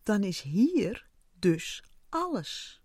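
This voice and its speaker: Storybook: woman playing a calm male squirrel, careful and soft-spoken, lively pitch, slow. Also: no room sound, studio quality, full character voice. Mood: musing.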